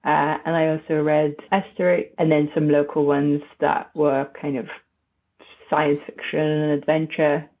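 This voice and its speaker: A woman's voice: deep voice, little pitch movement, a little slow. Hesitant woman on a tinny line. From Hungary. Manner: hesitant, many restarts and fillers, thoughtful. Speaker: podcast guest. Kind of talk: conversational interview. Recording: tinny phone-like remote line.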